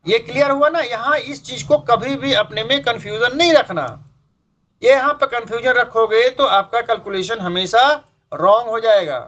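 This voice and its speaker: Teaching fractions to a class, a man speaks at a moderate pace in an extremely high-pitched, fairly bright voice. He walks through each step and goes back over the key points, captured in dull lo-fi audio.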